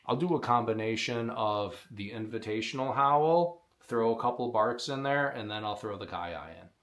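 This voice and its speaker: A man's voice: medium pitch, normal speed, fairly bright tone, a little hiss or hum. Man explaining a hunting call. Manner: plain, practical explaining with occasional restarts. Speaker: call maker teaching coyote calling. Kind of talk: instructional demonstration.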